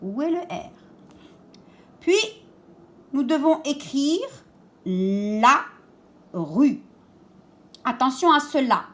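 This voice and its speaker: Woman teacher, kinda high voice, super slow, repeats every word twice for little kids. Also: lively intonation, a bit bright. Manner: slow, deliberate, repeats each word twice and stresses sounds; gives step-by-step instructions to children. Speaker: schoolteacher. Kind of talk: remote lesson for young children.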